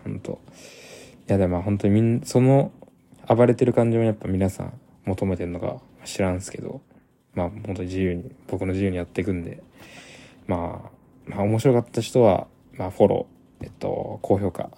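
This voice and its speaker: A man's voice: low-pitched, vocal fry, mellow. A young man hosting a casual solo podcast, rambling with many restarts and repeated fillers. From Japan. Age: young adult. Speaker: podcast host.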